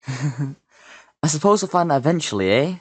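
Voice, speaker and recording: A woman's voice: low-pitched, animated, a little slow, husky, no echo, heavily acted. A woman voicing an easygoing, curious friend in a cartoon game story, with a casual manner. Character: easygoing, curious friend who likes investigating.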